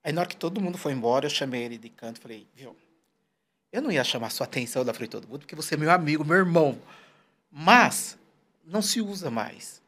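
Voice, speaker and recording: A man in his forties talks fast with a voice on the high side, appearing as a guest in an informal interview. He narrates animatedly and puts on short voices to quote people.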